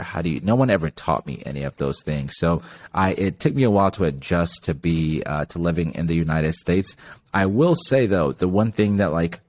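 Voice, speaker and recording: Deep-voiced young man from Zimbabwe. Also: dry recording. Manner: relaxed, chatty, lots of "like" fillers. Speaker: podcast guest. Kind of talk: casual interview chat.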